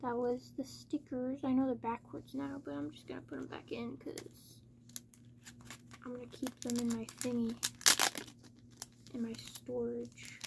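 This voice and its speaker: A woman chatting casually as she hosts an unboxing, speaking in a monotone with little stress on her words. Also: a little high, measured pace, gravelly, long pauses, noisy background. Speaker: K-pop album unboxing host. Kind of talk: casual chat, unboxing commentary.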